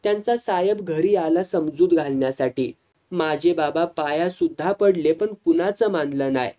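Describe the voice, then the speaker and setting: A sorrowful young wife from a storybook reading speaks in a weary, subdued way, as a reader puts her on. Her voice is soft and mellow. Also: medium pitch, normal speed, natural voice. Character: sad young wife, worn down and quiet.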